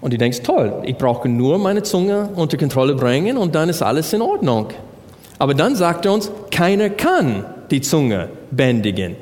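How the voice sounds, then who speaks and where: A man's voice: fairly high pitch, darkish tone. A man preaching a sermon, working through Bible verses and asking the congregation rhetorical questions. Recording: long hall reverb.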